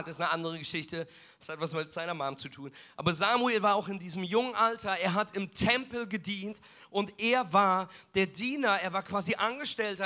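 A male pastor preaches with a high, bright voice that sounds forceful and tense. He tells the story in a lively way and mixes in jokes and asides. The delivery is full sermon storytelling.

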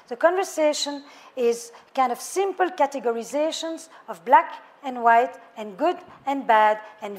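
Giving a public talk to a live audience, a couples therapist reflects thoughtfully and stacks up lists of words. She is a middle-aged woman with a French accent and a high voice.

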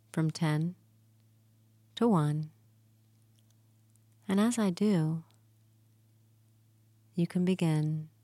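Slow, low-voiced woman guiding hypnosis. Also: dry recording. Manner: slow, soothing, gently repetitive. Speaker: guided relaxation leader. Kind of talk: guided hypnosis meditation.

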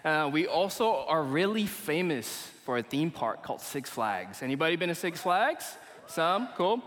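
In a long-echoing church meeting hall, a young man from Kuala Lumpur delivers a relaxed, slang-heavy sermon to young adults. His fairly bright voice sits on the high side, swinging widely in pitch at a moderate pace.

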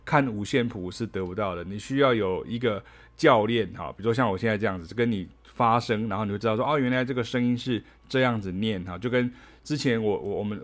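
A man giving a casual spoken jazz lesson, chatting in a loose, rambling way and scatting rhythms aloud. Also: mid-range voice. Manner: chatty, ends phrases with a soft "ha", scats rhythms aloud. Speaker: jazz teacher.

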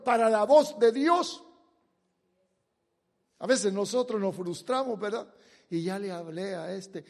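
A man preaching a sermon, swinging from quiet asides to loud, forceful declarations. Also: high-pitched, long reverb tail. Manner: dramatic swings from soft to shouted.

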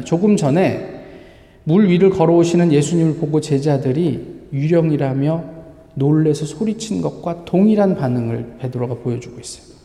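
Pastor guy giving a sunday sermon, dark mellow voice, kinda high pitched, lots of rhetorical questions. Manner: asks the congregation rhetorical questions. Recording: echoey hall with long reverb.

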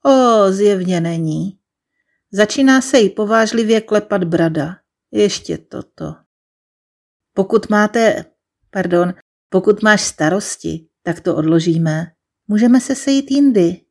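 A woman's voice: medium pitch, a little mellow. Woman reading a wry first-person story. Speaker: narrator.

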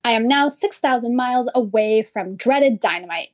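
A man voicing a squeaky, cowardly, boastful schoolboy in a 1950s radio comedy, reading his own stage directions aloud and mangling words. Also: animated, moderate pace. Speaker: comic character.

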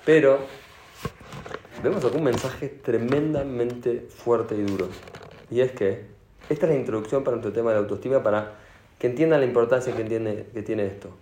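A man with an Argentine accent giving a sermon as a rabbi, animated and asking his audience questions. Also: mid-range voice, moderate pace, a little hiss or hum. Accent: Argentine Spanish. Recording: echoey room.

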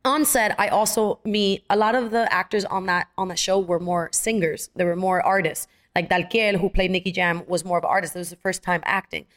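A young adult actress, appearing as a guest in a casual interview, tells stories a little fast in a lowish voice, hardly pausing. She's animated, acts out the lines of the people she quotes, and uses many fillers.

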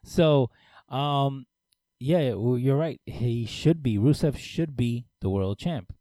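A man co-hosting a casual wrestling podcast, animated and joking, often cutting in on his partner. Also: mid-range voice, takes it slowly, no echo. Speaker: podcast co-host.

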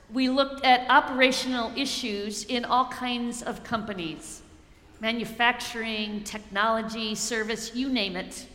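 A middle-aged woman pastor preaching a sermon, measured and slowing down to stress key phrases. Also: fairly high pitch, pushed and bright. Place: church sanctuary. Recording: echoey church hall.

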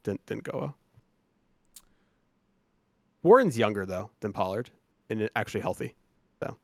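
A man's voice: fairly low pitch, very animated, a little slow, creaky, dry recording, studio quality. A man co-hosting a sports podcast in loose, casual chat, swearing freely and restarting his sentences often. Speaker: podcast co-host.

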